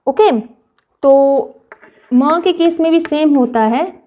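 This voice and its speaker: High-pitched woman teaching Korean patiently. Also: mellow, slight background noise. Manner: patient, repeats practice words slowly, frequent "okay". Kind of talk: explanatory online lesson.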